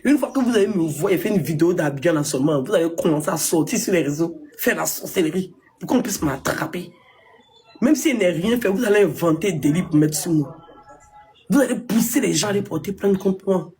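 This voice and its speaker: A woman on a phone live stream, scolding her critics with indignant rhetorical questions and sudden high exclamations. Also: lively intonation, fairly quick, a little mellow, slight background noise. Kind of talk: social media livestream rant.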